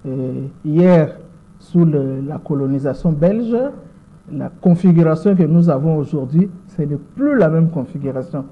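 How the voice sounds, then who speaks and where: Answering an interviewer's questions in French, a Congolese lawyer in her sixties from the Democratic Republic of the Congo speaks with a Congolese accent in a measured way, repeating words while searching for them. Her voice is low-pitched, and the sound is thin and boxy, like a phone line.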